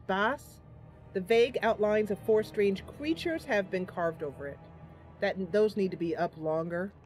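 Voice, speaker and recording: Slight background noise and game music accompany a woman with a medium-pitched voice. She hosts the gameplay in a casual, chatty way, voicing role-play and playfully thinking out loud.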